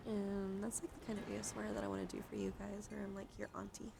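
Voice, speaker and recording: Speaking quickly with vocal fry, this ASMR streamer and livestream host keeps her mid-range voice level. She chats loosely with viewers in a slangy, informal way while background noise runs underneath.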